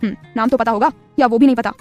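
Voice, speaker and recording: A woman's voice: on the high side, fairly even intonation, very fast, darkish tone, highs cut off, soft background music, lightly acted. A woman voicing a suspicious, cold young man who speaks sarcastically.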